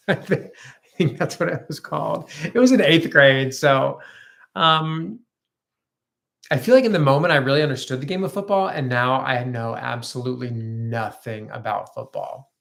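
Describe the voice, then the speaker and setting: A man in his thirties co-hosts a casual live chat stream, reading viewer comments in a chatty, upbeat way and laughing easily. His voice is medium-pitched, gravelly and fairly bright at a normal speed, picked up by a phone's front camera.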